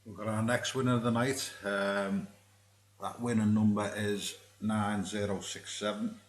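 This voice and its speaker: Low, even-voiced man hosting bingo. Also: unhurried. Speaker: bingo night host. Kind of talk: casual game announcements. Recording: roomy echo, faint background noise.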